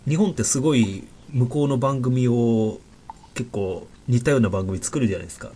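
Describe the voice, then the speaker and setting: A man hosts a relaxed podcast conversation. His talk is chatty and casual, sprinkled with fillers as he goes. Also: medium pitch, normal speed, breathy edge. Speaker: podcast host. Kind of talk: casual chat.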